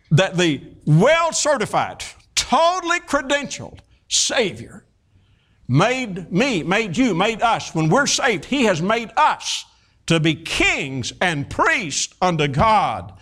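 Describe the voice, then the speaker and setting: Folksy and animated, a preacher in his fifties delivers a sermon through stories, with plenty of fillers and restarts. He has a high voice and takes it slowly.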